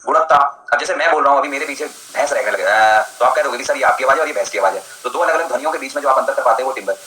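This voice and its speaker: A man's voice: medium pitch, very fast, sharp tone, reverberant, a little hiss or hum, poor audio. A male teacher giving a live online lecture in a chatty, jokey way, answering students by name as he explains.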